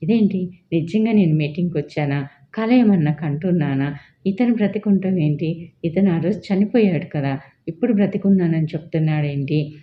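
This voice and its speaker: A man's voice: fairly high pitch, normal speed, natural voice. A woman voicing a startled young businessman in an audio story, stammering when shocked, on a dull lo-fi recording. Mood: confused.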